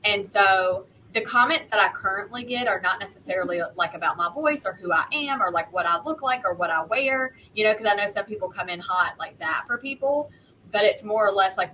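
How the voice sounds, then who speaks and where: A woman speaks in a bright, clear-cut voice at a middle pitch. She is frank and matter-of-fact, as in a casual discussion among peers, with some noise in the room behind her. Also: rough recording. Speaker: online content creator and panelist.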